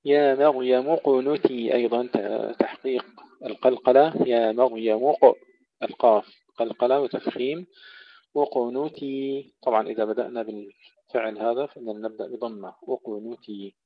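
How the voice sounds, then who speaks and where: In a tajweed lesson, a man teaches Quran recitation, alternating slow, melodic recitation of verses with brisk explanations of pronunciation rules. His medium-pitched voice has fairly even intonation, and the recording is dry and dull.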